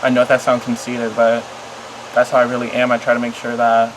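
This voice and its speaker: A vlogger talking casually and confessionally to camera in a halting, rambling, apologetic way that often trails off. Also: medium pitch, monotone, background noise. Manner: apologetic, self-conscious.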